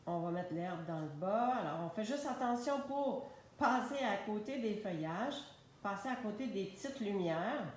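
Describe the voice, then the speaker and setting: A woman's voice: medium pitch, animated, normal speed, a little mellow. A woman with a Québécois French accent, chatting unhurriedly through a live stamping and coloring tutorial and describing each step as she works. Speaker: craft demonstrator. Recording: very echoey room, faint noise.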